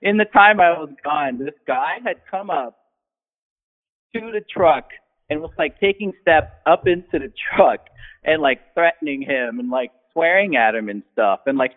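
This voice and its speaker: A man with a slightly higher voice tells a long, rambling story in casual chat, stumbling over fillers and restarting his sentences. His sound is thin and narrow, as if it comes through a phone line. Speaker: delivery helper telling a work story.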